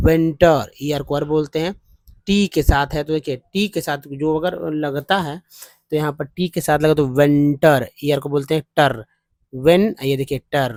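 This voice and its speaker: A man teaching spoken English, reading text slowly word by word and explaining how each word is pronounced. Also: on the high side, darkish tone, dry recording.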